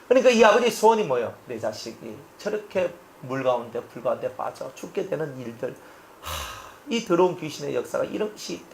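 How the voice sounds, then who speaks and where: A man's voice: fairly high pitch, echoey room. A male pastor, preaching an expository sermon and acting out the scenes as he tells them. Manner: animated storytelling, acting out scenes.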